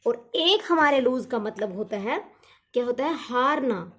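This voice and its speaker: High-voiced woman teaching English grammar. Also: lively intonation, a bit bright. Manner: repeats key words in question-and-answer drills; slow, drawn-out when spelling words. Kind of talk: explanatory lesson.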